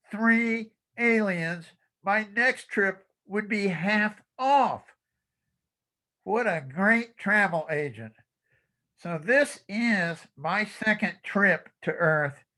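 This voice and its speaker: A many-thousand-year-old alien tourist holds forth about Earth in a bright, sharp-edged voice, as a costumed speaker puts it on. Every word comes out at an unhurried crawl, each joke landing dry and deadpan. It is a comic turn for a masked speaking contest. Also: medium pitch. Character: ancient wisecracking alien tourist visiting Earth.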